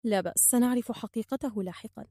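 A woman's voice: fairly high pitch, quick pace, warm tone, dry recording, studio quality, natural voice. A woman voicing a kind-hearted, outspoken young girl who is firm yet tender. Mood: gentle.

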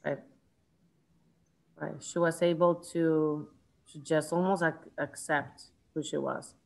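Woman in her thirties, lowish voice, leads a book club over webcam, halting and reflective. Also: fairly even intonation, creaky, darkish tone, poor audio. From Chile. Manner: thoughtful, restarts often, gestures while talking. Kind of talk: video call discussion. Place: home room, indoors. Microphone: video call webcam.

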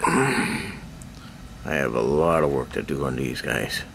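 A man's voice: very deep voice, slow pace, a bit bright, slight background noise. An older man giving a rambling, self-deprecating show-and-tell of his miniatures, filmed on a handheld camera in a cluttered basement hobby room. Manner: rambling, self-deprecating, frequent throat clearing. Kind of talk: casual show-and-tell update.

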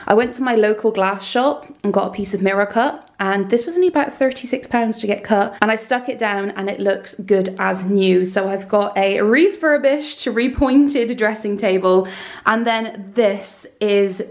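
A woman in her twenties from the UK, chatting enthusiastically on camera as she shows off her room, recorded on a handheld camera in a small bright room. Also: medium pitch, moderate pace. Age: 20s. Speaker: beauty YouTuber. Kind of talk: casual room tour vlog.

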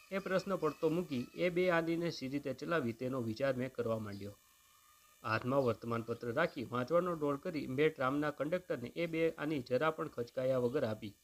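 A man reading a humorous short story aloud in a measured, expressive first-person narration. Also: mid-range voice.

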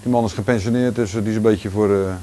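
A man in his forties with a Rotterdam Dutch accent, giving a relaxed walking tour of his large indoor gym, talking casually with lots of fillers and restarts. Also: on the low side, fast, a little hiss or hum. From Netherlands. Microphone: handheld camera following him.

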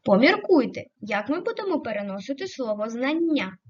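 A woman teaching a primary school class, speaking slowly and clearly, stretching out example words, asking the class questions and praising the answers. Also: high voice, big pitch swings, highs cut off. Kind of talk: recorded online lesson.

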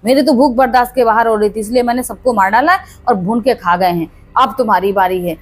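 A woman's voice: a little high, fast talker, dry recording, lightly acted. A woman voicing a starving young man who has turned cannibal and boasts of killing his friends. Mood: gloating.

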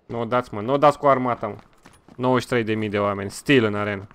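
A man from Romania streaming a game live, excitable and swearing freely as he thanks donors between fights. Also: fairly low pitch, clean tone. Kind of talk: live gameplay stream commentary.

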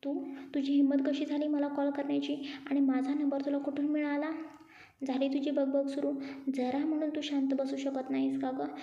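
A woman's voice: high-pitched, completely flat delivery, normal speed, mellow. Woman voicing a cocky teasing young man. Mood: mocking. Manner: mocking, bossy. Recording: dull echoey room.

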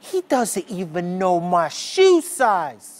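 On a dark, smoky theatre stage, a male performer delivers a spoken-word monologue as a lonely young boy begging to become a sidekick. His exaggerated voice swings widely in pitch, and he speaks earnestly yet bitterly, slow and deliberate, rising in pitch on key words.

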